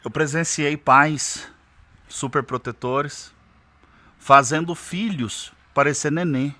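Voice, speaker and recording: Forceful Brazilian man giving advice. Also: a little high, slow. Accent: Brazilian Portuguese. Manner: forceful, direct, addresses parents head-on. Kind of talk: emphatic advice talk.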